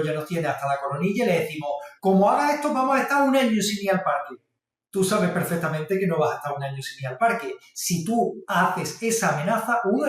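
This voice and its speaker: Guy explaining parenting tips real calm, talking right to you, lots of room echo. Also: on the high side. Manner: calm, explanatory, addresses the listener directly. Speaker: parenting workshop presenter. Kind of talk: instructional talk to camera. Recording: very echoey room, mic at a distance.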